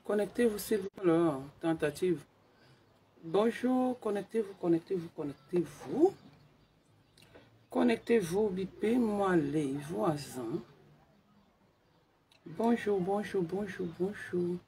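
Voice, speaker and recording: Woman live-streamer, hushed and quiet, slow unhurried delivery, phone mic. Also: mid-range voice, lively intonation, slight background noise. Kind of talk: casual live stream chat.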